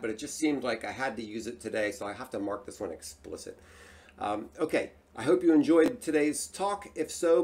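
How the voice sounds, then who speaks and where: A man hosting a solo talk, speaking in an animated, emphatic way. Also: mid-range voice. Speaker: host.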